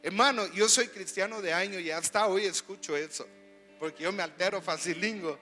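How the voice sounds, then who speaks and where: Pastor guy preaching, high sharp voice, lots of questions to the crowd, echoey hall w/ soft music. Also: moderate pace. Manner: animated preaching with rhetorical questions. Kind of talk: sermon.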